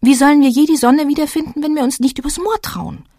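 Storybook figure: young boy troll, eager and boyish, pitched up; a woman voices it. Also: fast, mellow, no echo, studio quality, lightly acted. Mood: bold.

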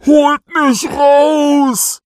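A man's voice: extremely high pitch, level tone, extremely slow, no room sound, studio quality, voice pushed up, heavily acted. A man voicing a grumpy, greedy male badger who snarls and bosses others around, for a children's audiobook. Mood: trapped, demanding. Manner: snarling, bossy.

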